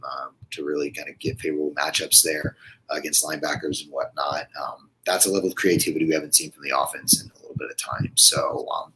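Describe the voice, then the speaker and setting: A man's voice: very deep voice, a bit bright, a little hiss or hum, rough recording. A man co-hosting a casual sports podcast, rambling loosely with lots of fillers. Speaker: podcast co-host.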